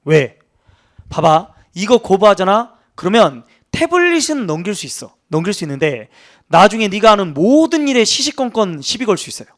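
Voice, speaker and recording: A man teaching law for exam prep, talking casually and acting out quoted officials in rough, joking banter. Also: high-pitched, very animated, normal speed. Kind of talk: lively lecture with acted anecdotes.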